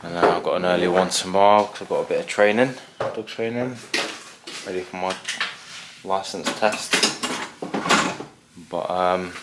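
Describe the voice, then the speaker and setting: A man's voice: low voice, heavy background noise. A tired young man with a laid-back, rambling way of talking, vlogging casually at home. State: tired from work. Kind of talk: casual vlog chat.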